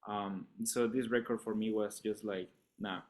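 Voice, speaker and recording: A man from Colombia, a guest musician in a casual interview chat, relaxed and laughing often, talking with many fillers. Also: on the low side, unhurried.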